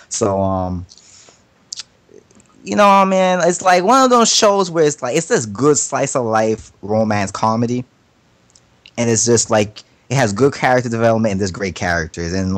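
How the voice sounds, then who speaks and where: A man with a mid-range voice chats casually on an anime podcast, rambling through his opinions. His speech is slangy, profane, halting and full of repetition, and there's no echo.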